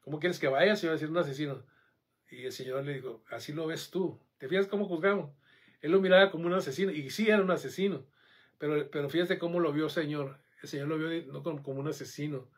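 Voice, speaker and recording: A man preaching a sermon, animated and conversational, often checking in with the congregation. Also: fairly high pitch, quick pace, slightly rough.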